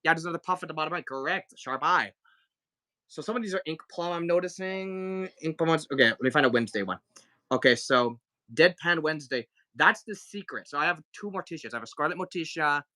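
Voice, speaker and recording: A man's voice: fairly high pitch, lively intonation, a little fast, pushed and bright, dry recording. A man hosting a casual live toy sale, chatty and sick with the flu, greeting viewers and counting down offers. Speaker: livestream toy seller. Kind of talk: casual live-selling chat.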